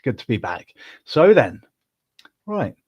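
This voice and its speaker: A man hosts a casual livestream from his home, talking to himself as he goes. His pitch rises and falls a lot, and he rambles with fillers and restarts. He sounds like he's speaking into a computer mic. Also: very animated, slow pace, husky, no echo, highs cut off. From England. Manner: coos softly at his cat. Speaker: livestream host. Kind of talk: casual solo livestream chat. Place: home room.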